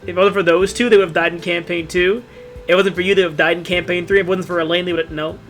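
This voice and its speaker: A man's voice: high voice, fairly even intonation, very fast, soft background music. A man serving as game master, chatting casually in a Q&A and laughing often. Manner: laughs often, trails off quietly. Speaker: game master answering questions. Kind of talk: casual podcast-style Q&A chat.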